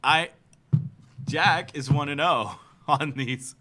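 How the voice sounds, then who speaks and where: Bright-voiced man chatting baseball. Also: on the high side, slow pace. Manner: excitable, laughs often. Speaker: baseball livestream co-host. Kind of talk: casual fan chat.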